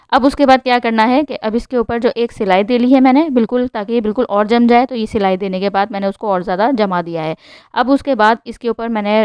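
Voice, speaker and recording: A woman narrating a step-by-step sewing tutorial in a hurried, instructive way, often repeating "like this" as she shows each step. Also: fairly high pitch, darkish tone, clean tone, no echo.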